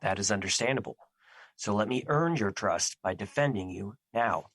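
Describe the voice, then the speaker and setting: Man playing solemn, formal Fear, low and forceful. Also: expressive, moderate pace, no echo. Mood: calm, reassuring. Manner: formal, stilted, earnest phrasing without contractions. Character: Fear personified, solemn male immortal entity, remorseful and protective. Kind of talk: audio drama acting.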